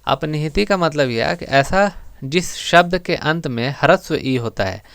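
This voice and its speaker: Clear-voiced male grammar teacher, dry sound. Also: on the high side, lively intonation, fairly bright tone, no echo. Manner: explains step by step, often repeating words slowly for emphasis. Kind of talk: exam-prep grammar lesson.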